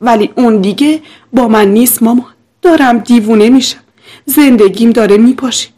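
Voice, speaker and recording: A woman's voice: on the high side, dark tone, lightly acted. A woman voicing a distraught young wife who pleads through tears. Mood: tearful, pleading. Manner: pleading, tearful.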